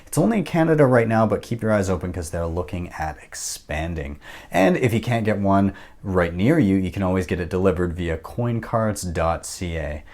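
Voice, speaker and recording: A podcast host in his thirties runs a casual interview from his home office, talking into a studio mic while wearing headphones. His low voice is a little mellow, swinging widely in pitch at a moderate pace, and he stays upbeat and conversational, using filler words.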